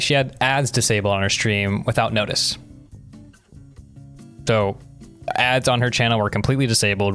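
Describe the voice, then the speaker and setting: This young male podcast co-host has a fairly low, fairly bright voice. He chats in a relaxed, conversational way, giving his views with an explanatory bent.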